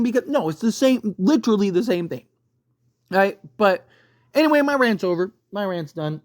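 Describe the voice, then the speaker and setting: An online film commentator on YouTube, with a darkish, mid-pitched voice recorded close, very dry and without echo, gives a casual, opinionated rant. The delivery is emphatic and conversational, punctuated by rhetorical check-ins.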